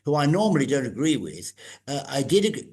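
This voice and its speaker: A man's voice: fairly high pitch, big pitch swings, fairly quick, a little mellow. An older man hosting a podcast interview, chatting casually and rambling through asides and restarts. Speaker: podcast host.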